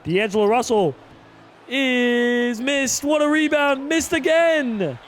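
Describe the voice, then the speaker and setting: A man in his early twenties giving casual play-by-play commentary over a basketball video game, excitable and breaking into sudden shouts. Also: very high-pitched, slow, faint music behind. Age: 20s. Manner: excitable, calls plays aloud with sudden shouts. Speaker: gaming YouTuber.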